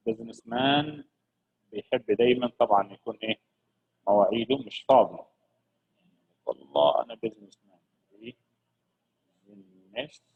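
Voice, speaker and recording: A man teaching children English vocabulary, lively and coaxing, repeating each word slowly for his pupils. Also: medium pitch, breathy edge, narrow, tinny audio.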